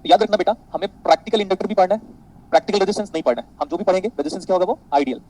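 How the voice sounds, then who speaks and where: A man teaching an online physics class, animated and boastful, quizzing his students constantly. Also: sits high, racing, low-quality recording.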